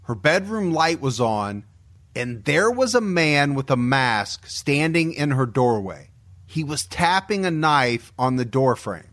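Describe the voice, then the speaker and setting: Slow, grave male narrator. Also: medium pitch, sing-song, a bit bright. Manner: measured, grave storytelling. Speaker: podcast co-host. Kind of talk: scripted true-crime narration.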